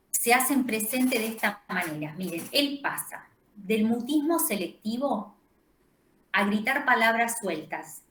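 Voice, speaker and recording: Woman lecturer, Rioplatense accent, mid-pitched, roomy echo, halting explanations. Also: fairly bright tone. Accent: Rioplatense Spanish. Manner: explanatory, hesitant with frequent fillers. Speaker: university lecturer. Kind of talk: online class lecture.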